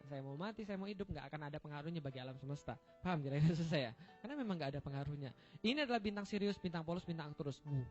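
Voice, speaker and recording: Fast, high-voiced joking preacher man. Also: darkish tone. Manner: joking, quizzing the audience with rhetorical questions. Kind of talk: humorous religious lecture with slides. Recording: dull lo-fi recording with faint music.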